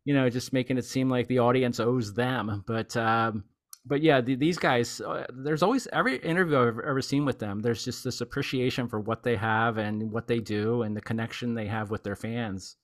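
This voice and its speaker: A man hosting a casual music podcast, his voice sitting in an ordinary middle pitch for a man. He talks in long, rambling runs full of "you know" and "uh", clearly thrilled by his subject. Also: moderate pace. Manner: rambling and enthusiastic, heavy use of "you know". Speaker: podcast host.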